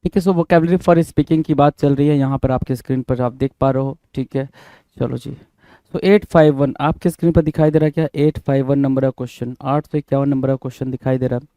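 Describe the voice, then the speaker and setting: Male teacher, very dark and even-toned, dry close sound, repetitive question-and-answer style. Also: medium pitch, fairly quick, dry recording. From India. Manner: repeats words, spells them out letter by letter; asks the class questions and answers them himself. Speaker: vocabulary teacher. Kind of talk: bilingual classroom explanation.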